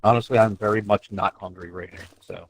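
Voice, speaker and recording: A man's voice: lowish voice, steady tone, fairly quick, creaky, a little hiss or hum, low-quality recording. A man chatting casually as a player on a gaming livestream, easygoing and mildly puzzled. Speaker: player on the stream.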